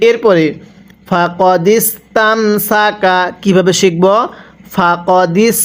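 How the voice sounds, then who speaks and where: A man with a Bangladeshi Bengali accent, teaching Quran reading by spelling out letters and reciting drawn-out words for learners to repeat. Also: high-pitched, fairly even intonation.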